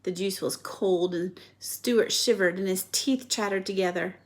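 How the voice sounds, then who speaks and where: A woman's voice: mid-range voice, a little slow. A woman reading a children's chapter book aloud expressively, stopping to show the pictures.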